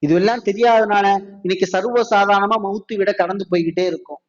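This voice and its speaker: A man with a Tamil accent delivers a mosque sermon in a high voice. He asks the listeners question after question and draws out his quotations. The recording sounds dull and lo-fi. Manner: rhetorical questions, slows down for Arabic quotes. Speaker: preacher.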